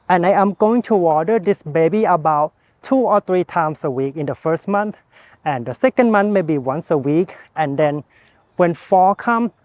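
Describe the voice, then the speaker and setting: A man's voice: a little high, dry recording. A man from Thailand, chatting casually while showing a gardening how-to outdoors in a home garden. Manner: chatty, relaxed, speaks to viewer directly. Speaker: gardening channel host.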